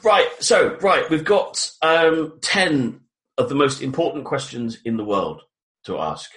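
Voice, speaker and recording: A man talks over a video call, hosting a relaxed chat. He is chatty and loose, circling back with fillers and false starts. His voice sits at an ordinary middle pitch. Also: a little slow. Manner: chatty, full of fillers and restarts. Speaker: host. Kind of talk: casual chat.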